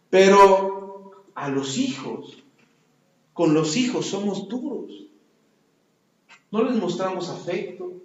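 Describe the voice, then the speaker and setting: A man preaching a sermon as a pastor, swinging from loud emphasis down to soft, low lines. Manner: emphatic preaching, rising loud on key words then dropping low and soft. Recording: echoey, dull lo-fi sound.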